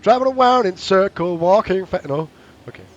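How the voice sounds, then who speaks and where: A man's voice: sits high, lively intonation, moderate pace, muffled recording. A young man streaming a game and chatting casually with friends, joking, swearing and laughing often. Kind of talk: casual gaming chat with friends. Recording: faint background noise.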